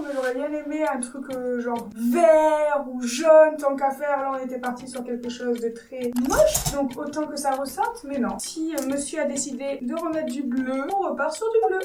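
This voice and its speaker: A woman doing a casual makeup tutorial, animated and jokey, quick to act exasperated. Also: sits high, roomy sound, distant mic, soft background music. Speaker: beauty YouTuber.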